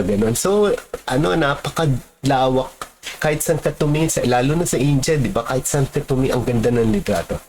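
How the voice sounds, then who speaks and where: A man's voice: medium pitch, a little mellow, slight background noise. A man from the Philippines, a street photographer, talking casually and reflectively, with many fillers and tag questions.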